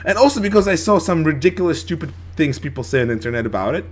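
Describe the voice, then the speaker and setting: A man's voice: on the high side, very animated, very fast, breathy edge. A young man from Ukraine with a Russian accent, co-hosting a casual gaming stream in a rambling, jokey, crude way. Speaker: podcast co-host.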